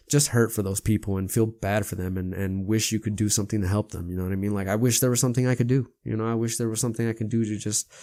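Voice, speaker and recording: A man's voice: fairly low pitch, mellow, dry recording, studio quality. A man hosting a podcast, talking in a casual, rambling monologue full of "man" and "you know what I mean.". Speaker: podcast host.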